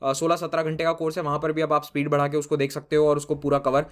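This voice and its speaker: A man teaching an exam-prep lesson, giving brisk, firm advice to students and mixing in English phrases. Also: fairly high pitch, monotone. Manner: brisk, direct, mixes Hindi with English phrases; addresses students informally, reassuring and firm.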